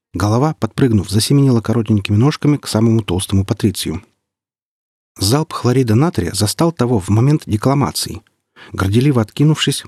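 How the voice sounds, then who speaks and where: Deadpan, husky male audiobook narrator. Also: fairly low pitch, no room sound, studio quality. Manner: deadpan, mock-serious storytelling.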